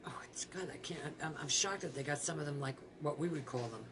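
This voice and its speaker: A woman's voice: sits low, quick pace, recorded from a distance, background noise. A woman co-hosting a casual shop chat, joking and chiming in with asides. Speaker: shop co-host. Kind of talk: casual banter.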